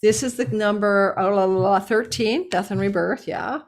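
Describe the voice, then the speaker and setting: This astrologer host has a hoarse, mid-range voice and talks at a moderate pace. She drifts casually through a horoscope reading from inside a relative's house, occasionally chuckling at her own remarks.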